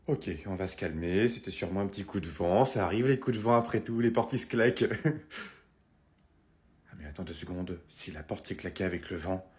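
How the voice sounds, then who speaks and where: A man voicing a flustered, chatty middle-aged mother in a comedy sketch, shrill and rambling. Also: a little fast, natural voice.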